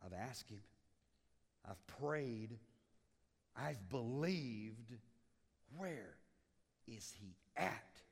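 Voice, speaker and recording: A man from Liberia preaching a sermon as pastor, swinging from loud urgency down to hushed, low lines. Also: lively intonation, extremely slow, creaky, pauses often, husky. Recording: long hall reverb.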